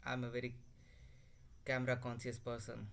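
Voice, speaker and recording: A man's voice: mid-range voice, completely flat delivery, moderate pace, creaky, a bit bright. A young man from Bihar in India, a native Hindi or Bhojpuri speaker, talking unscripted to his laptop with many fillers and restarts. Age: young adult. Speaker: language learner vlogger. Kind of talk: unscripted casual talk to camera. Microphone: laptop microphone. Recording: faint background ambience on a laptop mic.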